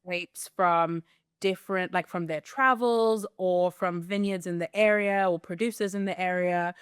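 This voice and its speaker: Brief: young woman co-host, low and smooth voice, casual rambling chat. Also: a little slow, no echo, clean studio sound. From South Africa. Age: young adult. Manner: relaxed, rambling with fillers. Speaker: podcast co-host.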